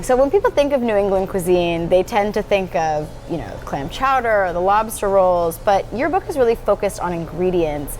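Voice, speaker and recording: A woman's voice: medium pitch, expressive, moderate pace, hardly any pauses, darkish tone, slight background noise. A woman hosting a food show, interviewing a chef in a friendly, enthusiastic way. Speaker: host and interviewer. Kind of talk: conversational interview.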